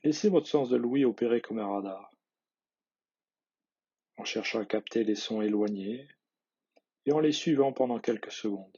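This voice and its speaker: A man guiding a yoga nidra relaxation, reading measured instructions in a husky voice with soft phrase endings. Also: medium pitch, highs cut off. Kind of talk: guided relaxation meditation, read instructions.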